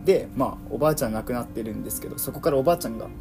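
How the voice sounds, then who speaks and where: A man with a creaky, gravelly edge recounts an eerie true story in casual, polite conversation. He talks quickly but builds it in halting pieces. His pitch is middling, and music plays behind him. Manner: halting, pieced-together telling with polite speech. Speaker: guest telling a family story.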